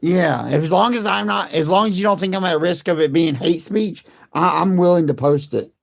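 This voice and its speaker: A hoarse man with a gravelly, creaky voice and a fairly high pitch. He coughs and talks defensively in casual chat, repeating the same point over and over. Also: normal speed. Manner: repetitive, defensive.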